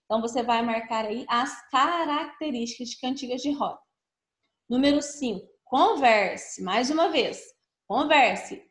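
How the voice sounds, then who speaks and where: A slightly high-voiced woman teaching young children, reading words slowly and stretching every syllable. She patiently repeats each question in simpler words. Her voice rings in a roomy, echoing space. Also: fairly bright tone. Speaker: primary school teacher. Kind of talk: remote lesson walking through a workbook. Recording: echoey room.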